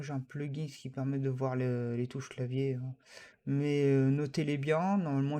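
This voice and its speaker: A male software tutorial teacher narrates a screen-recorded tutorial in a somewhat high, slightly mellow voice. He is hesitant, uses many fillers, and talks through each click.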